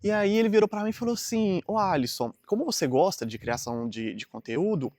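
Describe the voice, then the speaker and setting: A man, speaking to camera in an earnest, rambling vlog. He leans on fillers and restarts as he works through his point. His voice sits a little high for a man. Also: expressive, fairly quick, a little mellow, no room sound. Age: 30s. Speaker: vlogger. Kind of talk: casual motivational monologue to camera.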